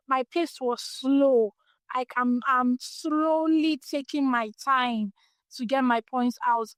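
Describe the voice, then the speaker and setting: On her solo podcast, a Nigerian English-accented woman reflects with earnest encouragement on her creative path and her faith. She has a small, light, high-pitched voice, and the recording is dry.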